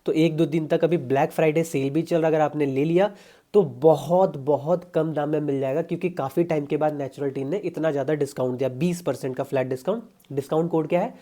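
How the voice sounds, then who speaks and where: Young male fitness vlogger, warm mellow voice, chatty and salesy. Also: fairly high pitch, steady tone, brisk. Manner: chatty, pushy, addresses viewers as brother. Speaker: fitness coach. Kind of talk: casual diet advice vlog.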